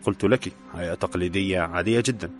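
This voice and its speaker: A man reading the lines of a calm young unemployed engineer who talks with dry humor in a storybook reading. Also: deep voice, quick pace, slight background noise, natural voice.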